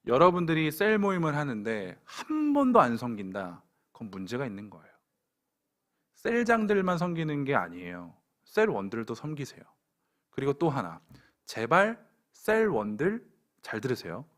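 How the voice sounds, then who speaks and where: A man's voice: mid-range voice, huge pitch swings, normal speed, fairly bright tone. A young adult man preaching a sermon to a church young adults group, pointed and direct with playful asides. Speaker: pastor.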